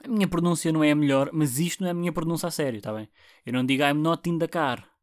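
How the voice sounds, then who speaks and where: A European Portuguese-accented man in his twenties hosts a casual podcast alone, rambling, swearing, restarting often and using lots of fillers. His voice is slightly high and darkish, and he talks at a racing pace on a dry recording.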